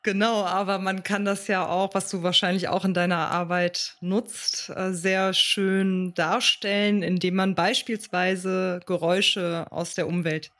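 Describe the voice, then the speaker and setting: Woman, podcast host, casual interview tone, easy with fillers, steady affirming backchannels. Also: fairly low pitch, unhurried, hardly any pauses. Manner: affirming, frequent "ja" and "mhm" backchannels; relaxed, lightly hesitant with "äh" fillers. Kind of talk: conversational interview.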